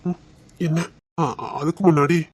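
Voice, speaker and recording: A man's voice: on the high side, flat delivery, moderate pace, a little mellow, no echo, natural voice. A young man acting a devoted lover who soothes and reassures his frightened partner in a romantic drama. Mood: gentle, puzzled. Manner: tender, soothing, insistent.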